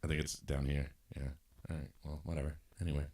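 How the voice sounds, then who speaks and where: A man's voice: very deep voice, level tone, fast talker, a little mellow, slight background noise. A man hosting a casual podcast chat, rambling with lots of fillers and restarts. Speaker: podcast host.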